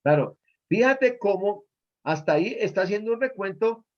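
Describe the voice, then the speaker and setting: A man with a high voice teaches a Bible study as pastor, stopping often to ask his students questions about grammar. The recording sounds dull and lo-fi. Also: lively intonation, moderate pace. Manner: didactic, quizzes listeners on verb tenses.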